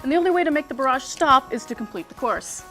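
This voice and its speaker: A woman hosting a podcast segment, firing rapid quiz questions in a playful, teasing way. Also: high voice, expressive, pushed and bright, soft background music.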